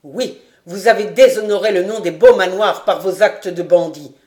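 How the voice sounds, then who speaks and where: A woman's voice: lowish voice, moderate pace, echoey room, natural voice. A woman reading as a stern old marshal. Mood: stern scolding. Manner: severe, contemptuous scolding. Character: stern old male marshal, scornful, vehement.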